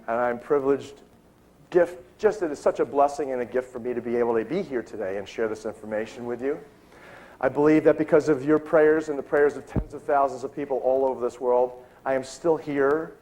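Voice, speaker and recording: A middle-aged man speaking to a live audience, telling a story with lively acted-out dialogue. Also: fairly high pitch. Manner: animated storytelling, acting out dialogue.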